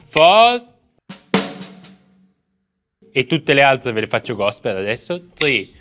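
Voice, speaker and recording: A man's voice: medium pitch, lively intonation, fairly quick, music in the background. A man teaching a drum fill in a casual video lesson, explaining step by step, counting aloud and vocalizing the rhythms.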